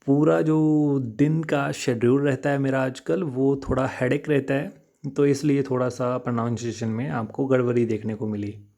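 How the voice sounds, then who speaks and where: A man's voice: medium pitch, steady tone, moderate pace, creaky, mellow. A man working through exam questions as a teacher in an unscripted lesson, chatty, repeating key answers and addressing viewers directly.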